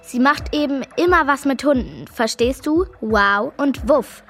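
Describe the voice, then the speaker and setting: A high-voiced, excitable young girl. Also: a little slow, soft background music, full character voice. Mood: excited, insistent. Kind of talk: German children's radio play acting.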